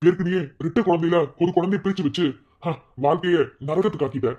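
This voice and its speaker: A man's voice: high voice, fast, warm tone, muffled recording. Man playing an angry scolding husband. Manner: scolding, then begging. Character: angry, pleading husband confronting his wife. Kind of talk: TV serial dialogue.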